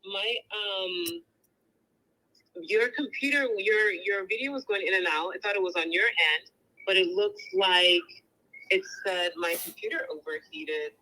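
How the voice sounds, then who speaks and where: A woman host heard over a speakerphone, talking in a brisk, practical way in casual conversation. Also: medium pitch, bright, forceful tone, poor audio.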